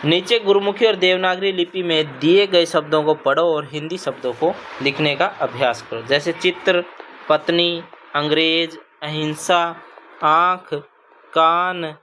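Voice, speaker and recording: A man's voice: fairly high pitch, measured pace, fairly bright tone, a little hiss or hum. Patient male teacher reading a children's lesson. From Punjab. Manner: patient, repeats "ठीक है बच्चों" often. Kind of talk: classroom lesson narration for children.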